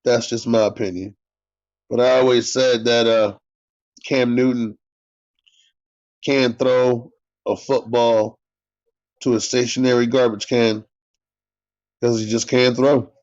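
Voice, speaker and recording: A man's voice: medium pitch, little pitch movement, slow, pauses often, darkish tone. A man co-hosting a live sports stream, with a mid-range voice and a sarcastic, joking manner. The audio is dull and lo-fi, as from a computer mic on a stream. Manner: joking, sarcastic, talks to the chat. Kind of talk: casual live-stream chat.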